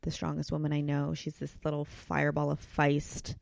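Gravelly woman near tears. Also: low-pitched, monotone, darkish tone, no echo, studio quality. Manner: emotional, halting, many fillers. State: close to tears. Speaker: podcast guest. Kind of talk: casual chat.

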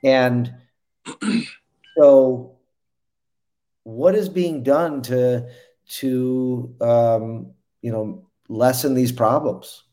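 Mellow-voiced male interviewer. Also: mid-range voice, steady tone. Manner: halting, many restarts and fillers. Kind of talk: interview questions.

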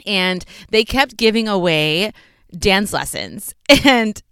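A woman's voice: mid-range voice, sing-song, takes it slowly, bright, forceful tone, clean tone, dry recording, clean studio sound. A young woman from Texas hosting her podcast in a chatty, upbeat way from inside a clothes closet, with fillers and small laughs. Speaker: podcast host. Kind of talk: casual solo podcast chat.

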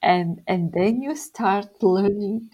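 Speaking with a Bulgarian accent, this young woman from Bulgaria takes her time as a guest in a casual interview, laughing frequently. Her voice is mid-range and mellow.

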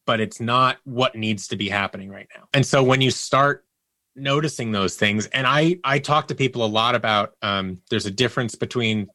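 A man with a medium-pitched, sharp voice talks at a normal pace, with no echo in the recording. He's an interview guest, candidly and reflectively recounting personal stories and often quoting his own inner thoughts aloud.

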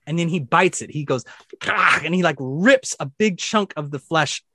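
Man narrating as dungeon master, slightly high, dry sound. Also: normal speed, dry recording. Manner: vivid, excited storytelling with sound effects. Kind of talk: narrating a tabletop game.

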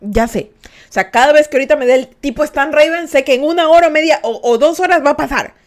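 A young woman from Ecuador, hosting a podcast and telling a story to listeners in a casual, animated way. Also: high voice, fast. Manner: animated, acts out voices and laughs while telling. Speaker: podcast host.

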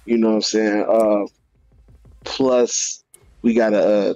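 A man chatting casually as an interview guest, slangy and halting, leaning on tag phrases. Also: on the low side, little pitch movement, dark tone, highs cut off, faint music behind. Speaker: R&B singer, podcast guest.

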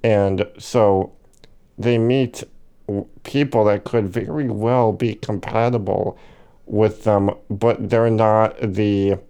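A man talking slowly and reflectively in a personal monologue, hesitating with fillers and correcting himself, with hiccups now and then. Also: on the low side, fairly even intonation, mellow, smooth. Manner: slow and hesitant, many fillers and self-corrections. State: has the hiccups.

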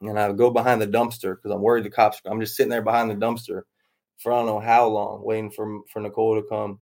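A man's voice: lowish voice, little pitch movement, fast talker, vocal fry, darkish tone. A young man tells a rambling personal story, repeating himself and acting out what others said. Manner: rambling, repeats phrases, acts out voices in quotes. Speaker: storyteller recounting his past. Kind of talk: personal story told in casual talk.

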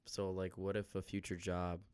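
A man co-hosting a podcast in casual chat, teasing his friend with a dry, deliberately flat delivery. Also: deep voice, clear, resonant tone, dry recording. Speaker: podcast co-host.

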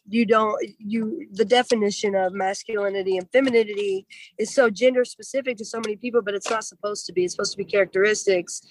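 A woman-voiced podcast regular in casual chat, laid-back with halting, hesitant phrasing. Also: mid-range voice, dry recording, rough recording.

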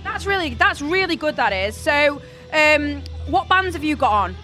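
A woman's voice: high-pitched, very animated, normal speed, pushed and bright, soft background music. A woman with a Stoke-on-Trent accent interviewing someone in a chatty, effusive way as a podcast host. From Stoke-on-Trent, England. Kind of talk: casual interview chat.

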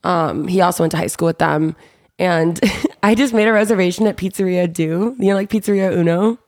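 A woman's voice: on the low side, fairly quick, a little mellow, dry recording, studio quality. A young woman with a cold, her voice stuffy and nasal, chatting casually as a podcast co-host. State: sick with a cold. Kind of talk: casual chat.

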